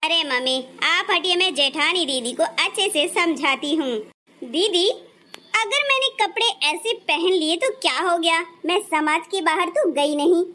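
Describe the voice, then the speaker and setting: A woman's voice: extremely high pitch, lively intonation, measured pace, bright, forceful tone, exaggerated voice. A woman voicing a carefree, modern young daughter-in-law in a cartoon, speaking breezily and mixing in English words. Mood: defiant. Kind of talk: Hindi cartoon dubbing.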